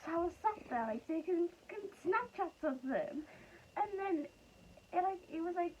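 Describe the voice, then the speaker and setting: A woman's voice: very high-pitched, lively intonation, normal speed, darkish tone. A hungover young British woman chatting casually through a story in a giggly, informal way. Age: young adult. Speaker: vlogger telling a story. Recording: muffled, noisy home recording.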